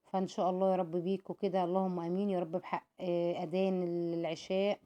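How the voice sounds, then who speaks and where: Egyptian lady narrating her cooking vlog, talks super quick, mellow lowish voice, keeps calling everyone my dears and blessing them. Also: little pitch movement. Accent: Egyptian Arabic. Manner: warm and devout, calls viewers "my dears", prays for them often; explains each cooking step with asides and restarts. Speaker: home cooking vlogger. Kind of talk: chatty cooking voice-over.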